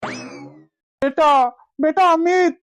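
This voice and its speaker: High-voiced woman voicing scolding men. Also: fairly even intonation, extremely slow, background noise. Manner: voices the husband and other men, rebuking. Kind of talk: Hindi family drama voice acting.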